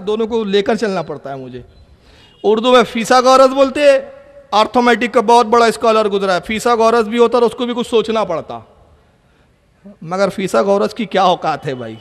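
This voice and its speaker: A man with a strikingly high voice preaches a sermon to a crowd, spinning a story and voicing each character's lines himself. His voice now drops low and intimate, now climbs to a shout. A long hall reverb trails every phrase. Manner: storytelling preacher acting out dialogue, rising to shouts. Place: public religious gathering.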